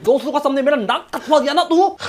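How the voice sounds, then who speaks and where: Man playing a screechy angry mom, yelling, nagging, high voice, music in background. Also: fast. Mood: scolding. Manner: loud nagging, yelling at child. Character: angry scolding mother of a boy, quick-tempered.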